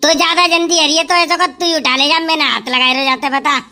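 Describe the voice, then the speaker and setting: Shrill, bright comic village woman. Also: steady tone, quick pace. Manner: loud, shrill, bantering village dialect. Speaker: comedy sketch performer. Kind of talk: village comedy sketch.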